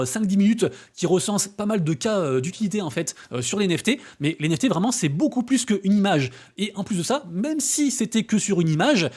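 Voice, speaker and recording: A man's voice: sits high, a little mellow. A man hosting a casual crypto news vlog, talking in a slangy way with lots of fillers and restarts. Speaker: crypto and NFT news host.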